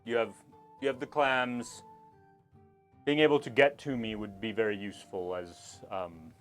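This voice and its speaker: A man running a tabletop game as game master, speaking in a calm, measured way. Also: on the low side, faint music behind.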